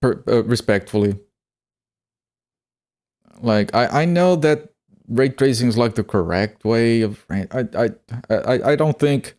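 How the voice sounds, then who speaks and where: A man with a somewhat low voice chats casually while playing a game on a live stream. He swears freely and often stammers and repeats words before a sentence gets going. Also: darkish tone.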